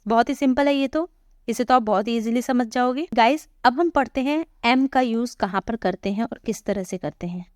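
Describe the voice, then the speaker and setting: A woman with a fairly high voice gives a pronunciation lesson, close to the mic in a dry, dead room. She talks patiently and says each example word slowly, more than once, then asks a question and answers it herself. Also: no room sound. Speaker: English teacher. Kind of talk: spoken English pronunciation lesson.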